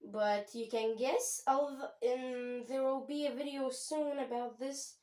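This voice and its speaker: In an echoey room, a woman who runs a home chemistry channel chats her way through a meandering tour of her lab, often stopping to correct herself. Her high voice is steady and darkish, and she speaks at a slow pace.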